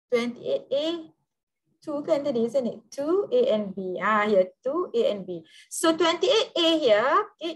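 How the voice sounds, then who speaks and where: A woman's voice: high-pitched, a bit bright. A woman with a Malaysian English accent lecturing on law in an online class, heard on a screen recording from a computer mic and saying "okay" over and over as she explains each point.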